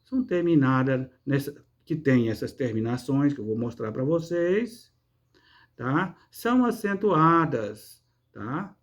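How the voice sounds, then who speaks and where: In an online class, a man with a mid-range, animated voice teaches a slow lesson on word stress. He explains patiently, poses rhetorical questions and answers them himself, and uses frequent checking tags.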